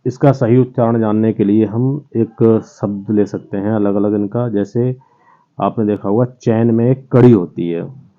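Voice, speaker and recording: A male teacher giving an online lesson to children, slowly and patiently sounding out each letter. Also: on the low side, fairly even intonation. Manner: slow, patient, spells out sounds one by one. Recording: tinny phone-like sound.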